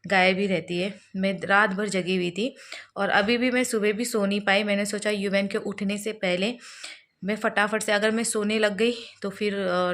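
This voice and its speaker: A woman's voice: mid-range voice, fairly bright tone. A young woman, a mother, chatting straight to her viewers in a casual family vlog, first at home and then at a hospital. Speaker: vlogger, mother.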